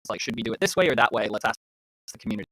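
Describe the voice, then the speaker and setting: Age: adult. Sex: man. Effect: uneven volume, mic cutting in and out. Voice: husky, dry. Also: on the low side, racing, dry recording. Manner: relaxed, filler-heavy talk. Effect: uneven volume from a faulty mic cutting in and out. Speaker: project team member. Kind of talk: casual livestream chat. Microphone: headset or desk mic on a video call.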